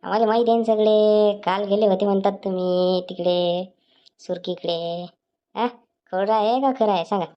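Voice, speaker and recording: A woman's voice: mid-range voice, steady tone, normal speed, pauses often, muffled recording, lightly acted. A woman voicing a cheeky, nosy village schoolboy in a cartoon who teases an older man. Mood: teasing. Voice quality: teasing, needling.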